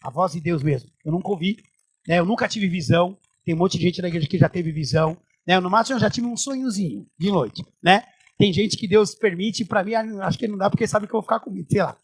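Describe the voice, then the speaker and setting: High-voiced preaching man, lively and joking. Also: quick pace, slightly rough. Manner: animated, conversational preaching with humor. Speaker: pastor. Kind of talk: sermon. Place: church.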